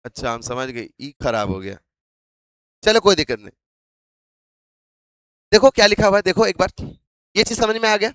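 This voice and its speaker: A man's voice: high-pitched, animated, normal speed, long pauses, a bit bright, smooth, no echo. A male biology teacher lecturing a class, asking questions over and over to drill his students.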